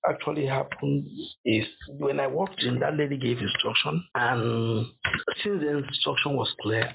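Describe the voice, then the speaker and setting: A man's voice: mid-range voice, creaky, a little hiss or hum. A middle-aged man from Cameroon, a university lecturer, telling his story in an interview with many restarts and fillers. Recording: tinny phone-like line.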